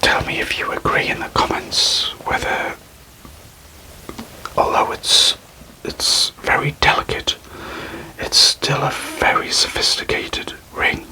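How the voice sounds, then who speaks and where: A man whispers breathily to his viewers in ASMR role-play fashion, never using full voice. He phrases things softly and deliberately, leaving unhurried gaps between lines. The recording sounds rough.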